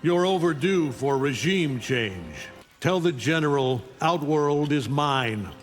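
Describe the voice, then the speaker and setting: A man plays an arrogant, threatening alien conqueror, a superhuman middle-aged father, taunting opponents before fights in a video game with cold, contemptuous command. His slow, animated delivery sits on the high side, with a long reverb tail and faint music in the background.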